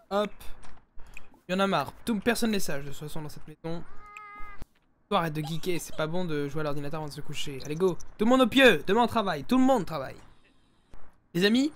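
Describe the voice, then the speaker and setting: A man's voice: sits high, a bit bright, a little hiss or hum. A young man giving casual, jokey commentary while playing a life-simulation game, often addressing viewers directly as his friends. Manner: jokey, talks to viewers as "les amis". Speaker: gaming YouTuber. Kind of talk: casual let's-play commentary.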